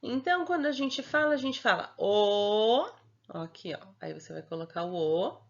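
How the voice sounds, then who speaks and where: A young woman teacher with a Brazilian Portuguese accent, slowly walking small children through their homework in a patient, sing-song way and often checking in with them. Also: a little high, very animated, gravelly, fairly bright tone. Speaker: primary school teacher. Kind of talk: remote lesson explaining homework to young children. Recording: dull lo-fi home recording.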